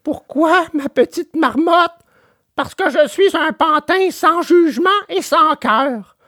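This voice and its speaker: A woman's voice: high voice, takes it slowly, a bit bright, dry recording, clean studio sound. A woman voicing a remorseful wooden puppet boy who pleads and sobs. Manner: pleading, sobbing. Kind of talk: storybook drama.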